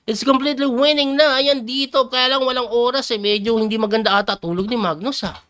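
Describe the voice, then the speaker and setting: A middle-aged man from the Philippines, a chess coach giving excitable live commentary on a game and reacting loudly to each move. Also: extremely high pitch, a little fast.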